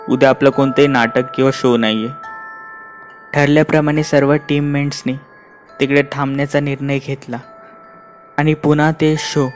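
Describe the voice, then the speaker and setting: A man narrating a scripted horror story in a dramatic, measured way, recorded on a lavalier mic. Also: medium pitch.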